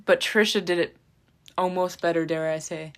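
A woman's voice: fairly low pitch, steady tone, moderate pace. A young woman co-hosting a casual comedic chat, rambling and giggly, cracking jokes as she goes. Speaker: co-host.

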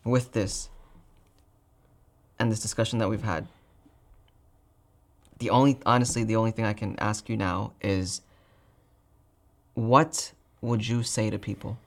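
Casual, halting male interviewer. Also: lowish voice, steady tone. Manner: informal, halting as he frames questions. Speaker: video host, interviewer. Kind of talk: casual chat.

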